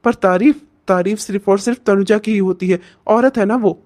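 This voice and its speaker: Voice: medium pitch, normal speed, darkish tone, lightly acted. कलाकार द्वारा चिढ़ा हुआ जलनखोर पति. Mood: irritated. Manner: irritated, sulky complaining. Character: grumbling jealous young husband. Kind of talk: cartoon voice acting.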